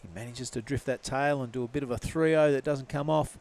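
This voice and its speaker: A man's voice: medium pitch, fairly even intonation, brisk, darkish tone. A man giving live surf contest commentary in a laid-back, casual surfer announcer manner.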